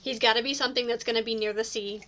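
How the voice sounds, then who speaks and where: A woman's voice: a little high, steady tone, rapid-fire, bright, forceful tone. A woman co-hosting a casual gaming podcast, chatty and eager. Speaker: podcast co-host.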